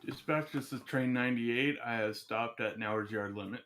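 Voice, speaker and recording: A man's voice: mid-range voice, normal speed, a bit bright, slight background noise. A man calling in over a radio as a train operator, using clipped, formal radio phrasing. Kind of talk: radio procedure calls.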